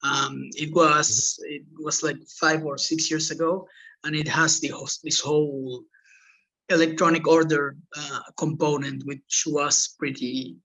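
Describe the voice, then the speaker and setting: A man from Argentina, introducing himself on a video call in a halting way, repeating words. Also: fairly high pitch, level tone, sharp tone, rough recording. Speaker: co-director of the organisation. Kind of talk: casual self-introduction.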